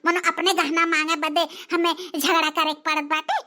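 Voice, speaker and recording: A performer voicing an angry young daughter-in-law with an Awadhi accent, ranting bitterly in a cartoon. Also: female voice, very high-pitched, little pitch movement, moderate pace, background noise. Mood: bitter, fed up. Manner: bitter, complaining rant. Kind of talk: cartoon voice acting.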